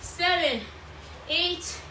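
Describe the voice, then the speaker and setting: A woman aerobics instructor with a very high voice leads a home workout in short, encouraging, repeated cues and counts. Her delivery is unhurried, and she sounds distant from the microphone in an indoor room. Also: sharp tone. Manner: encouraging, repetitive cueing while exercising. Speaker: fitness instructor leading a workout. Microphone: camera or phone several feet away. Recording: roomy, distant mic, clear background noise.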